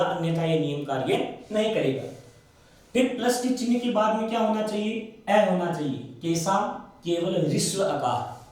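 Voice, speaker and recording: High-voiced teacher in an echoey room. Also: male voice, a little mellow. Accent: Rajasthani Hindi. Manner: asks and answers his own questions, slows on key sounds. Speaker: Sanskrit teacher. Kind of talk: classroom grammar lecture. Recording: very echoey room, mic far off.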